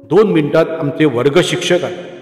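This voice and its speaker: A man's voice: a little high, normal speed, darkish tone, faint music behind. A man reading a scripted story aloud in the first person as a schoolgirl. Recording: echoey room with long reverb.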